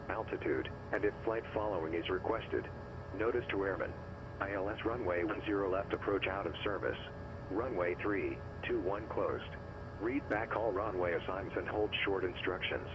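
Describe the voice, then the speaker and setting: Man, automated airport weather broadcast, very deep voice, flat clipped read-out, noisy radio feed. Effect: automated airport weather broadcast heard over the radio.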